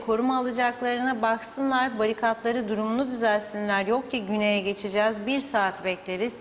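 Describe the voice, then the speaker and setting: A woman's voice: fairly high pitch, long reverb tail, a little hiss or hum. A woman presenting on TV, steadily reading out viewer messages. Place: TV studio.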